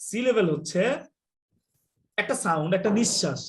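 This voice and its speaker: Man, online teacher, quick explanations, high voice. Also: expressive, slight background noise. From Bangladesh. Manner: quick, explanatory, scolds students about mics. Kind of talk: live online class lecture.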